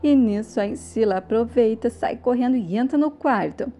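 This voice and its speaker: A woman's voice: a little high, normal speed, mellow. A woman casually recapping a soap opera, telling in turn who says what. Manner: plain storytelling, repeating who says what.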